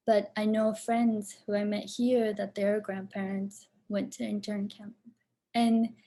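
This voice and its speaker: A film director who grew up in Japan answers casual Q&A questions about her film in English, her second language, hesitating and restarting often. Her voice is medium-pitched with a dark tone.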